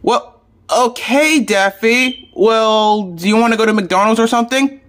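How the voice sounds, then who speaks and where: A woman's voice: fairly high pitch, a little slow, natural voice. A woman voicing an easygoing male cartoon cup character who talks casually with lots of fillers, in a plush puppet show.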